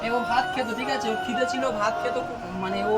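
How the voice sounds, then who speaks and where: Coaxing high-voiced Bengali man. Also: fairly even intonation, fast, over music, crowd noise. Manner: coaxing, baby-talk to a pet, repeats words. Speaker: pet owner. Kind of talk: casual vlog talk.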